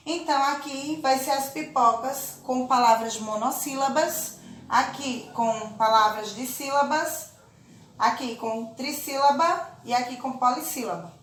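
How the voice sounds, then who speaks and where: A woman teaching a children's lesson, speaking slowly and patiently, drawing out words and often checking in with her listeners. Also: high voice, fairly bright tone, roomy sound, slight background noise. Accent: Brazilian Portuguese. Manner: slow, patient, drawn-out syllables with check-in questions. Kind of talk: children's lesson, clapping out syllables.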